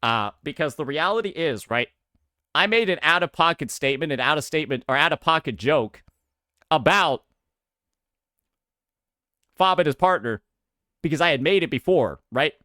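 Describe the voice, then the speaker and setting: A man livestreaming and chatting casually with his viewers, slangy and animated, swearing often and saying "bro" a lot. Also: fairly high pitch, normal speed, pauses often, dry recording, clean studio sound. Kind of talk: casual stream commentary.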